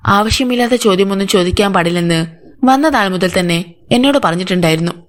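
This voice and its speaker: A woman's voice: medium pitch, fast, close to an everyday voice. A woman voicing an anxious old housemaid. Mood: defensive. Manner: pleading, defensive answers to police. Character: older female housemaid, anxious and protective. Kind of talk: audiobook character voice.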